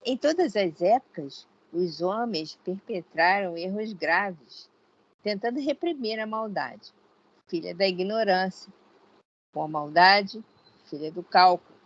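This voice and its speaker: A woman with a Brazilian Portuguese accent reading a religious text aloud to a study group, slow and deliberate. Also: medium pitch, lively intonation, muffled recording.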